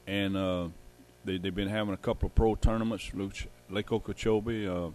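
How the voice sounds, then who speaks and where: A man's voice: fairly low pitch, little pitch movement, normal speed, a little mellow. A man, chatting casually and in a folksy way as co-host of a local radio show. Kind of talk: casual fishing report chat. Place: radio studio.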